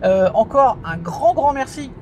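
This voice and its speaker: High-voiced chatty man reviewing in a car. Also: animated, a little slow, noisy background. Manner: chatty, many fillers and "hein". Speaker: car video host. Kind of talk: casual product review vlog. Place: inside a car, driving.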